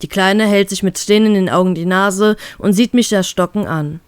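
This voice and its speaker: A woman reading a fan story aloud in steady first-person narration. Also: medium pitch, normal speed, smooth, dry recording. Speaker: fanfiction reader.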